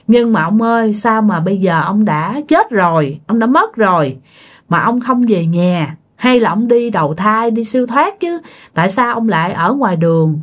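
A woman's voice: mid-range voice, natural voice. A woman with a Southern Vietnamese accent voicing a grieving widow who pleads with and scolds her dead husband. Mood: sorrowful.

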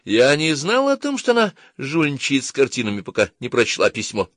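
A sly young woman with a thin, raised voice and a coy, needling manner, as a male audiobook reader puts her on. She speaks in a high register over dry, close audiobook sound. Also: wildly swooping pitch, brisk, fairly bright tone, no echo.

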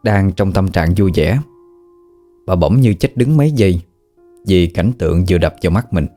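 A man with a Southern Vietnamese accent narrating a ghost story in a steady, measured way. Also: low-pitched, soft background music.

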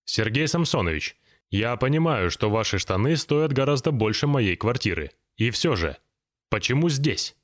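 A man's voice: medium pitch, very animated, normal speed, natural voice. A man voicing a polite, anxious younger employee who is easily flustered in an audiobook reading. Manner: polite, anxious, taken aback.

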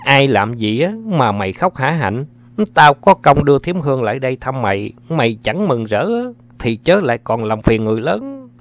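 A man voicing a brusque, impatient adult man who grumbles and scolds quickly. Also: medium pitch, sing-song, pitched above the performer's own voice. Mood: scolding. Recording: muffled audio with faint music.

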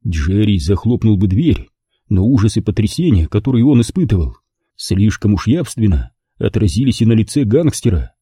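A man narrating an audiobook with a measured storytelling delivery. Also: fairly low pitch, very animated, warm tone, breathy edge, no echo. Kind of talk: scripted narration.

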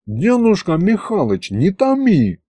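A man voicing a streetwise, excitable young male imp with slangy speech. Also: a little high, takes it slowly, no echo, full character voice. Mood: amazed.

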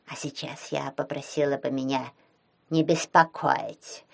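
A woman's voice: a bass voice, steady tone, unhurried, gravelly, darkish tone, husky, voice pushed down, exaggerated voice. A woman doing a lazy, drawling magic pike. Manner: languid, drawling, condescending.

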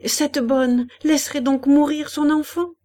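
A woman voicing a frantic young mother who cries out in high, loud panic over her sick child in an audiobook. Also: fairly even intonation, a little slow. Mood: panicked.

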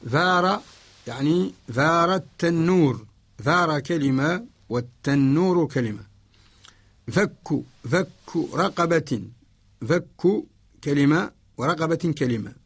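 Man from Mauritania, scholar teaching on radio, gravelly and somewhat high voice, measured and repetitive. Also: fairly bright tone, no room sound. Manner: measured, repetitive explaining, slow recitation of examples. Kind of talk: radio lesson on Quranic spelling.

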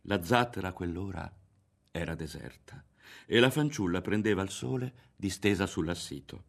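A man reading a novel aloud as an audiobook, in a measured, dramatic way. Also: sits low, lively intonation, creaky. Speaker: audiobook reader. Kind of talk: scripted narration of a novel.

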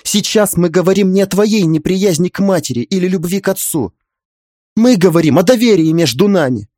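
A man's voice: lively intonation, normal speed, darkish tone, no room sound, clean studio sound. A man voicing a young pregnant woman who pleads and insists through tears, in an audiobook reading. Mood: tearful insistent. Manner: pleading, high-strung, insistent.

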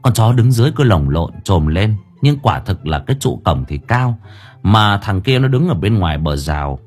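A man narrating a comic story in a lively, playful storytelling manner. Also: fairly low pitch, normal speed. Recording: faint background music.

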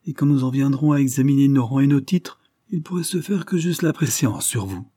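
A man voicing a proud young gentleman who is accused of a crime and answers in a calm, measured way, in an audiobook reading. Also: mid-range voice, slightly rough, no room sound, studio quality, close to an everyday voice.

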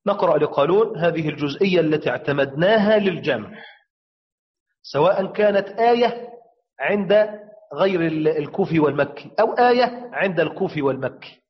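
A man's voice: on the high side, lively intonation. Man teaching Quranic readings, lo-fi sound. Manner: explains step by step, asks and answers his own questions, chants verse examples slowly.

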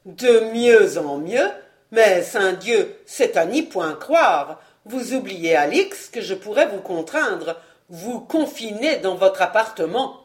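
A woman voicing a scheming nobleman father, with gruff, sarcastic speech and booming outbursts. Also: animated, unhurried, natural voice. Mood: angry. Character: scheming middle-aged nobleman father, blustering.

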